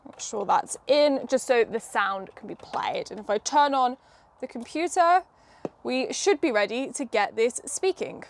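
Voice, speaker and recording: A woman's voice: a little high, expressive, measured pace, a little hiss or hum. Chatty young woman hosting a demo. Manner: chatty, explains step by step with fillers. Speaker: host. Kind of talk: casual hands-on demo.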